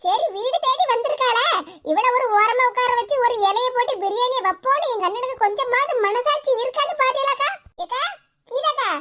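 A woman's voice: very high voice, fairly quick, pushed and bright. A woman voicing a bold, cheeky young sister in a cartoon, teasing and boastful, with a Tirunelveli Tamil accent. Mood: complaining. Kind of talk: cartoon voice acting.

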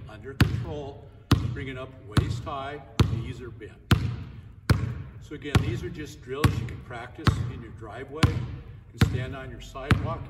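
A man's voice: medium pitch, far from the mic, heavy background noise. Older man coaching in an echoey gym. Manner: plain, repetitive coaching talk, often raised while dribbling. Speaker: basketball coach. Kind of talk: instructional demonstration. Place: large indoor gym. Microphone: camera mic at a distance. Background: basketball bouncing.

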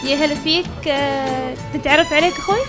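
High-voiced woman presenting a live prize draw. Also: quick pace. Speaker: TV show presenter. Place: large open-air amphitheater stage at night. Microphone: handheld microphone. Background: music.

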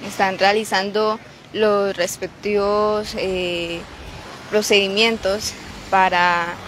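A woman reporting live from a city street as a local news reporter, pausing often with filler sounds. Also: medium pitch, little pitch movement, fairly bright tone, poor audio. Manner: halting, many filler "eh"s. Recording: street noise behind the voice. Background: traffic and street noise.

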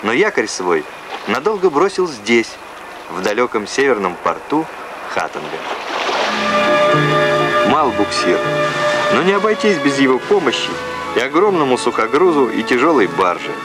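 A man's voice: mid-range voice, big pitch swings, normal speed, long pauses. A man reading scripted narration in the manner of an old Soviet newsreel. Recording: old film soundtrack with loud music. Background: loud music.

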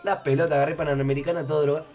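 A man's voice: fairly high pitch, level tone, rapid-fire. A young man with an Argentine accent telling a story to his live chat in a casual, slangy, rambling way, repeating himself as he goes. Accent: Argentine Spanish. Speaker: streamer.

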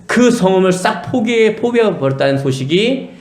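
Animated male pastor in an echoey church. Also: high-pitched, moderate pace. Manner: storytelling, acting out voices of biblical figures. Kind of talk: sermon. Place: church sanctuary.

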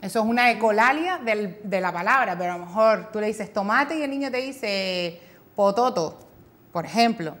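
A woman's voice: medium pitch, lively intonation, a little fast, few pauses, a bit bright. A woman with a Canary Islands Spanish accent speaks as a speech therapist on a talk show. She explains things patiently and methodically. Now and then she imitates children's mispronounced words.

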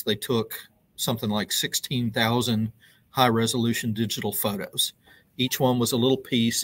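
Middle-aged male reporter, guest on a web show, speaking over a webcam from a brick-walled room, loose and halting with frequent ums. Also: medium pitch, a bit bright. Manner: loose, halting delivery with many ums and restarts. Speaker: news reporter interviewed as guest. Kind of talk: conversational explanation on a live web show. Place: indoor room with brick wall. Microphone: video call webcam.

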